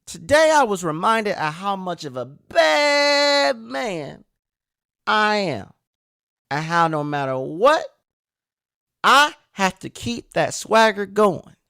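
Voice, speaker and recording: A man hosting a podcast, giving an energetic, emphatic motivational monologue straight to the listener. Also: high voice, takes it slowly, creaky, clean tone, dry recording, studio quality. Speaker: podcast host.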